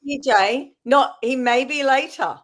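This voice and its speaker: A woman's voice: high-pitched, a little slow, crowd noise. A woman joining a casual online chat as a panelist, rambling animatedly and laughing as she tells her story. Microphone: video call.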